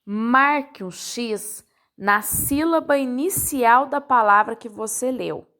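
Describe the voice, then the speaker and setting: A woman teacher with a Brazilian Portuguese accent patiently walks parents through a worksheet step by step in a recorded lesson, checking in often. Her voice is on the high side, slow and a bit bright.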